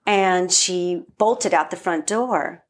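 Animated woman telling a family story. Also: fairly low pitch, takes it slowly. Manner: animated storyteller, acts out quoted voices. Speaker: podcast guest, filmmaker. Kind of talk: casual interview storytelling.

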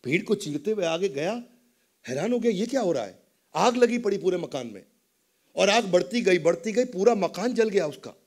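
A man giving a motivational storytelling talk, animated, dropping English phrases in. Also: high voice, normal speed. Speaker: motivational speaker.

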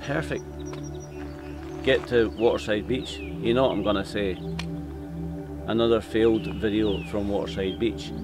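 A man's voice: fairly low pitch, fairly even intonation, normal speed, over music. A man in his fifties with a Scottish accent, talking informally as a landscape photography vlogger. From Scotland. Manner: informal, sweary. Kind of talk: casual vlog talk and narration.

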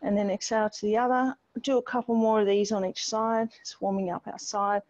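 On a garden-walled home patio, a middle-aged woman leads an online exercise class, moving with the group and offering encouraging step-by-step cues. Her mid-range voice is darkish, level in tone, and fairly quick. A distant device mic on the video call makes the audio dull and band-limited.

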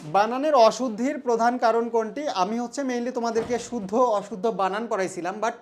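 A man's voice: extremely high pitch, brisk. Young Bangladeshi male teacher, chatty. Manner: conversational, mixes English terms, asks students questions. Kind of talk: exam solution lesson.

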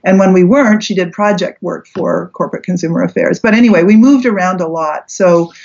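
A woman's voice: lowish voice, a little fast, creaky, a little mellow. A Canadian woman, a philosophy professor, talking casually in an interview and wandering through asides and restarts. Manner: rambling, many restarts and asides. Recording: dull lo-fi audio.

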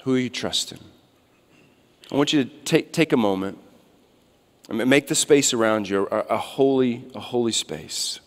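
A man in his thirties preaching a sermon on a large church stage, with a long hall reverb trailing his words. He moves from hushed, reflective asides to loud, urgent calls, spoken into a headset mic. His pitch sits in an everyday middle range. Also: moderate pace. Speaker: guest preacher.

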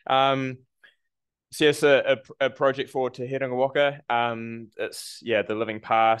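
Kiwi project manager giving a talk, smooth flat voice, lots of ums. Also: male voice, on the low side. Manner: casual, jokey, hesitant with ums. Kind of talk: informal presentation.

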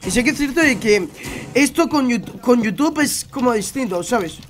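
Gaming at home on a headset mic, this young Spanish YouTuber keeps up slangy, casual commentary for his viewers in a Spanish accent. A cold has him slightly congested, and his voice is very high-pitched and expressive, moving at a normal speed.

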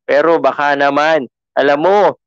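Hosting his podcast, a man from the Philippines talks in a chatty, code-switching way, full of fillers and restarts, with a Filipino accent. His voice is slightly high, smooth and steady at a normal speed. The audio has no echo and lacks highs.

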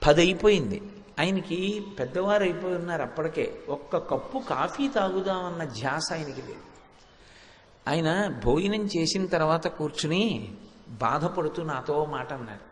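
On stage before an audience, a man delivers a devotional discourse, recounting anecdotes, reciting verses, and repeating words for emphasis. His voice is on the high side and expressive at a moderate pace, with a little hiss or hum and long hall reverb.

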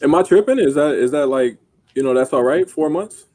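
A man's voice: fairly high pitch, animated, a little fast, darkish tone. A man in his late twenties on a video call, easygoing and agreeable in a casual group chat. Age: late 20s.

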